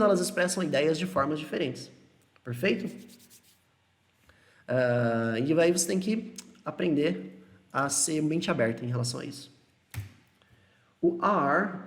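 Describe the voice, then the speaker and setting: A young man with a Brazilian Portuguese accent teaching English live, answering viewers and slowing down to model each phrase. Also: a little high. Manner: patient, explanatory, slows to model English phrases.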